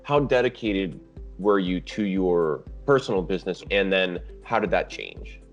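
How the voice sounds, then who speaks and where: A male interviewer with a fairly low voice puts short, direct questions to his guest. His sound is dull and lo-fi. Faint music plays underneath. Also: lively intonation, measured pace.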